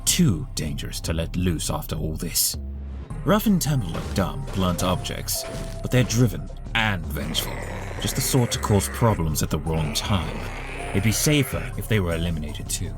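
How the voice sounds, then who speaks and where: A man's voice: low-pitched, sing-song, moderate pace. A man voicing a vain, scheming villain doctor in a comic dub, with pompous, theatrical, articulate delivery. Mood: sinister musing. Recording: music behind the voice.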